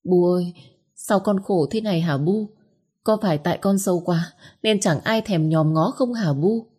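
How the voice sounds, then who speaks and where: A woman's voice: medium pitch, moderate pace, a little mellow, slightly rough, voice pushed up, close to an everyday voice. A woman voicing a heartbroken young woman pleading with her mother, in a storybook reading. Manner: pleading, insistent questions.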